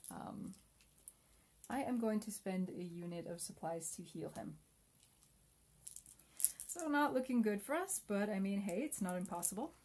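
A woman's voice: mid-range voice, a little hiss or hum. Woman reviewing solo board games. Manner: quiet and muttering while playing, chatty and upbeat when reviewing.

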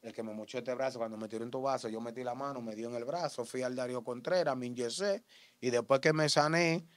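A man with a Dominican accent giving an interview testimony in street slang, acting out shouts and gunshots as he tells it. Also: mid-range voice, quick pace, dry recording. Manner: animated, acts out shouts and gunshots.

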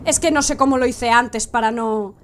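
A young woman with a Spanish accent giving excitable live gameplay commentary, swinging from hushed coaxing to sudden shrieks. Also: fairly high pitch, moderate pace. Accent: Spain Spanish. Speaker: gaming streamer.

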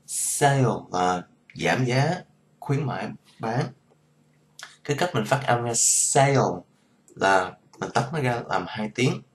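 A man's voice: mid-range voice, expressive. A man, a native Vietnamese speaker, casually teaching English pronunciation and repeating each model word several times. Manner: slow, repeats model words many times. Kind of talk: casual pronunciation lesson vlog.

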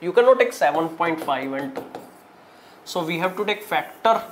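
Working through exam problems step by step in an indoor teaching studio, a male teacher with a North Indian accent and a distinctly high voice stands before a digital board. He talks in short, broken instructional phrases, repeating and stressing key items, with lively intonation at a moderate pace. There is slight background noise.

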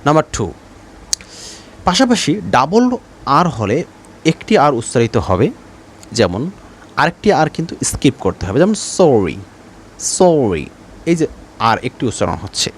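A man teaches English pronunciation. His pitch swings widely as he talks, with hesitant fillers and slowly repeated example words. Faint noise sits behind the voice. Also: sing-song. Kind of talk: spoken lesson.

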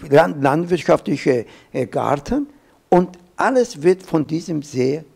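A man in his fifties from Iran, speaking German with an Iranian accent on a panel, with halting restarts and fillers, holding a handheld mic. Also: a little high, big pitch swings, gravelly, darkish tone, slightly rough. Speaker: professor, panel guest. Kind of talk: panel discussion. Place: small event studio with glass wall.

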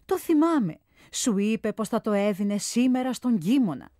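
Brief: woman reading confident storybook statesman, lively and amused, dry recording. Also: fairly high pitch, no room sound. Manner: sure of himself, amused.

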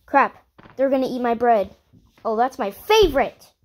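A woman chatting casually while she plays a video game, exclaiming at mishaps and apologizing for yelling. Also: fairly high pitch, lively intonation, moderate pace. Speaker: gameplay streamer. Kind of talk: casual gameplay commentary. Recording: noisy home recording.

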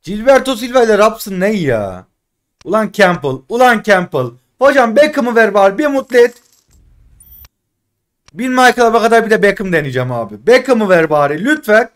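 A man doing casual live commentary while opening game packs, frustrated and pleading, swinging between loud outbursts and muttering. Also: high-pitched, big pitch swings, moderate pace. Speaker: gaming streamer.

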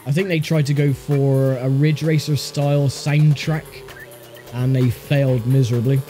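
His mid-range voice stays level and dark, moving at a normal speed. Congested from a sinus infection, the gaming YouTuber offers stuffy, deadpan, casual commentary on a racing game, with game music playing.

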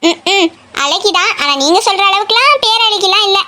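A woman's voice: very high voice, lively intonation, sharp tone, a little hiss or hum, exaggerated voice. Woman voicing a bossy, teasing aunt. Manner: brisk, teasing, commanding. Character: bossy middle-aged aunt, teasing and outspoken. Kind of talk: animated family drama.

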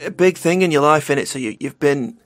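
A man's voice: a little high, lively intonation, a little fast, over loud music. A man hosting a podcast interview, speaking in an easygoing, reassuring way in casual chat. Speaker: podcast host.

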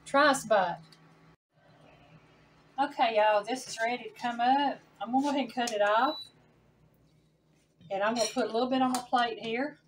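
A woman's voice: a little high, distant mic, slight background noise. A woman, hosting a casual home cooking demonstration in her kitchen and chatting folksily to viewers. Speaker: home cooking channel host.

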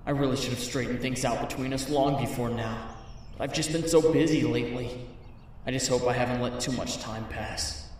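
Guy doing peter parker, gentle reflective young dude, really echoey, far from the mic. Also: mid-range voice, moderate pace, a little hiss or hum, close to an everyday voice. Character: kind young man, thoughtful superhero.

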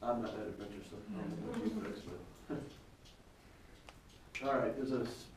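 A man's voice: medium pitch, moderate pace. A man working as a cave tour guide, giving casual, lightly joking commentary with a cave echo on his voice. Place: large underground cave, heard from a visitor's camera. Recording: echoey cave, distant, noisy.

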